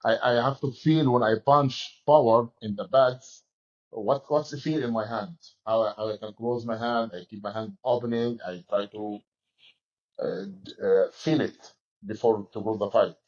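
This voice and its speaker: A man in his forties from Egypt, a fighter and coach, answering interview questions in halting English with many restarts, speaking from a gym locker room. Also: fairly low pitch, steady tone, lo-fi sound. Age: 40s.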